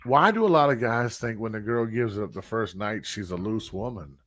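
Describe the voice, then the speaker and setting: A man hosting a podcast in casual chat, lively, often cutting in and repeating himself. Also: lowish voice, a little fast, crowd noise. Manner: animated, interrupts and repeats himself. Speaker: podcast host. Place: live stream studio.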